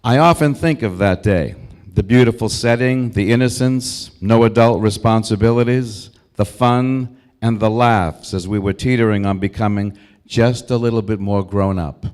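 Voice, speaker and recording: An American man in his sixties delivering a prepared eulogy, telling memories in a measured, reflective way with short, deliberate phrases. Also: on the low side, a little mellow. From Brookline, Massachusetts, United States. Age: 60s. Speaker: eulogist, old school friend of the deceased.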